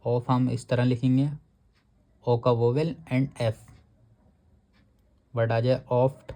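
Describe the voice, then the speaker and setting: A male shorthand teacher talks through his lesson at an unhurried, deliberate pace. His voice is dark and mellow, with an ordinary middle pitch. He explains patiently and drags out each word when he reads a rule aloud. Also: little pitch movement.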